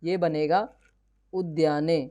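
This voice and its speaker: Smooth-voiced male teacher. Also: on the high side, fairly even intonation, slow, dark tone. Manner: explains patiently and often checks in with the listener; poses questions and answers them himself. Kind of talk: explaining a school lesson.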